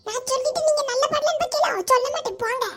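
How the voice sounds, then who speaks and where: Very high-pitched fretful woman, faint noise behind. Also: quick pace. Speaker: comedy sketch performer. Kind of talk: comic village sketch.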